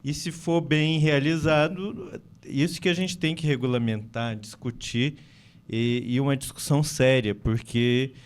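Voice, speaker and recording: A man in a podcast discussion speaking in a measured, thoughtful way with many pauses. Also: medium pitch, steady tone, clean tone. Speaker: physician podcast guest.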